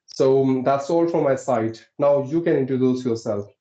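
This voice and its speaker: A man's voice: medium pitch, moderate pace, warm tone. A man from Uttarakhand, India who hosts an English-teaching channel, explaining politely in a conversation practice call. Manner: polite, explaining, frequent "right?". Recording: echoey, dull lo-fi sound.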